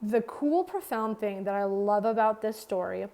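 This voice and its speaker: A woman's voice: mid-range voice, normal speed, mellow. A woman leading a Bible study, teaching earnestly, asking her listeners questions and stacking repeated phrases for emphasis. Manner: speaks directly to listeners with rhetorical questions. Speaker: Bible study leader and ministry founder.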